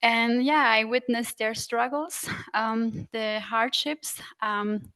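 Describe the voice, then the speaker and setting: Young woman, from Austria, interview guest, crisp voice, dry close sound. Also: fairly high pitch, fairly even intonation, slow, pushed and bright, no room sound. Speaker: podcast guest, integration consultant. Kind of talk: conversational interview.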